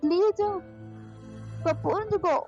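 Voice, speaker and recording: A heartbroken young man begs and pleads through tears, voiced by a woman in a fan audio story. The voice sits very high, and soft music plays under a dull, lo-fi recording. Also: takes it slowly, full character voice. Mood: pleading. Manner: tearful, begging, repeats his name. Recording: lo-fi voice with music behind.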